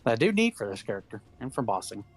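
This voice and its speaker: A man's voice: fairly low pitch, big pitch swings, fast talker. A man chatting casually while gaming, laid-back, laughing often and swearing freely. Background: game music.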